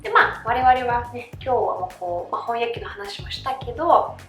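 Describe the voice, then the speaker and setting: A woman's voice: a little high, lively intonation, brisk, fairly bright tone. A woman with a Russian accent, hosting a casual chat with many fillers. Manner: chatty, many fillers, laughs easily. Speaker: host. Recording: roomy echo with faint background music.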